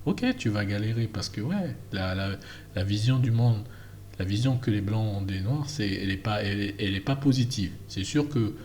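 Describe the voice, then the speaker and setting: Low-ish guy ranting casually, lots of euh and restarts, bit of hiss behind. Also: moderate pace. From French Guiana. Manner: animated, emphatic, with many fillers and restarts. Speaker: vlogger. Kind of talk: casual opinion monologue.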